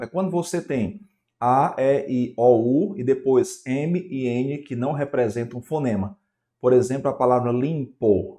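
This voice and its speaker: Brazilian man, exam-prep teacher, warm mellow tone, lecturing, frequent tag questions. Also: medium pitch. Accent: Brazilian Portuguese. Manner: asks questions in a student's voice and answers them himself, with frequent tag questions. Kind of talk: classroom grammar lecture.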